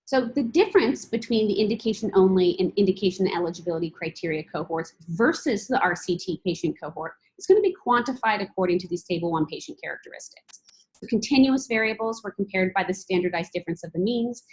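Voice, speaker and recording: A woman presenting research as a PhD candidate, explaining it in a measured, formal and methodical way. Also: mid-range voice, lively intonation, a little mellow, poor audio.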